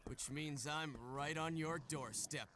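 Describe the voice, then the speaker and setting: Luka, cocky, high-pitched young journalist. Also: male voice, takes it slowly. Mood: defiant. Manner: suave, dramatic, smug. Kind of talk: theatrical video game voice acting. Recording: game audio with clear background noise.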